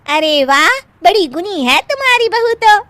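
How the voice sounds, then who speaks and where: A woman's voice: very high voice, expressive, a little slow, fairly bright tone, no room sound, pitched above the performer's own voice, exaggerated voice. A woman voicing chatty middle-aged friends who gush with praise. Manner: gushing praise.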